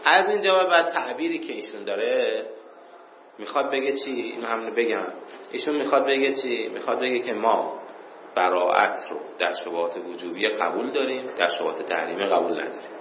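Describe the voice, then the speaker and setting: A man's voice: on the low side, lively intonation. Man teaching a class in a roomy space. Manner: reads Arabic passages then explains them plainly, with chuckles. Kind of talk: informal classroom lesson. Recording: roomy, dull lo-fi recording with faint noise.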